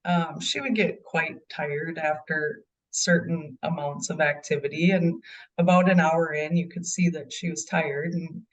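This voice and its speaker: A woman's voice: low voice, fairly even intonation, a little slow, far from the mic, muffled recording. A middle-aged mother answering interview questions in an earnest way, with frequent ums. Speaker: bereaved mother and guest.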